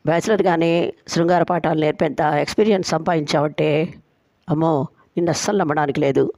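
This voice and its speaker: A woman storyteller voicing a bossy, sharp-tongued young woman who sets firm terms for her marriage. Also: low-pitched, fairly even intonation, fairly quick, no room sound, studio quality. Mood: scolding. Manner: firm, teasing, laying down conditions.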